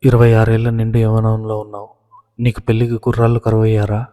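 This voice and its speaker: A man voicing an angry, strict middle-aged father who shouts accusations. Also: fairly low pitch, completely flat delivery, quick pace, big-room sound, lightly acted. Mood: furious.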